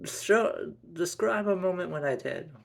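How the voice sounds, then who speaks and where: A man voicing a playful young woman teasing her sister, with a high, shrill, mock-protesting voice. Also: lively intonation, measured pace, creaky, heavily acted.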